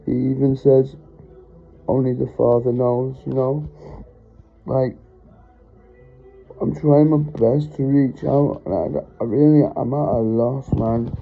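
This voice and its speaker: Gravelly man preaching over phone audio. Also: medium pitch, steady tone, slow, long pauses, faint music behind. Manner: rambling, heartfelt, restarts and apologizes often. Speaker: religious vlogger. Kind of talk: earnest preaching monologue. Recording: tinny phone-line sound.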